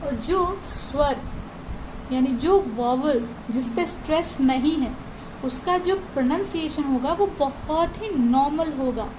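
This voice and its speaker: A woman's voice: high-pitched, noisy background. A woman teaching a language lesson, explaining step by step and mixing English phrases into her Hindi. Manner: slow and deliberate when reading English lines.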